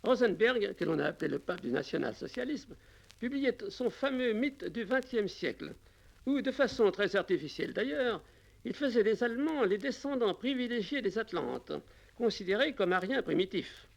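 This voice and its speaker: Older guy w high gravelly voice, formal learned answers, old worn radio tape. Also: very animated, normal speed. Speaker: interviewed author.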